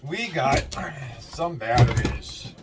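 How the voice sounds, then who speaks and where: Working through scrap in his shed at night, a middle-aged scrapping video host with a Massachusetts accent chats cheerfully and rambles as he goes. His medium-pitched voice has lively intonation but a slow pace, picked up by a distant mic with faint noise.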